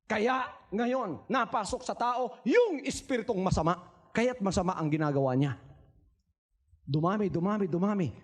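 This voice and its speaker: Pastor guy preaching, super high voice, repeats stuff, gets shouty then goes quiet. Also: moderate pace. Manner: swings from soft low asides to high shouted exclamations, repeats words for emphasis; asks the crowd rhetorical questions. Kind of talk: Taglish preaching sermon to a congregation.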